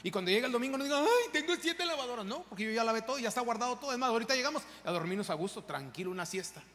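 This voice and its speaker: A man's voice: very high voice, lively intonation, rapid-fire, a bit bright. A man, a pastor preaching an impassioned sermon straight at his congregation in a church. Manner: impassioned, direct address to the congregation. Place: church sanctuary. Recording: long reverb of a large hall, faint background noise.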